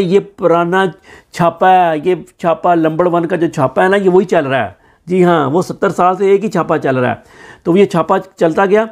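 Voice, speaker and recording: Running his own political news commentary, this man speaks with a Pakistani Urdu accent. His pitch is fairly high, and his delivery carries a sarcastic, mocking edge.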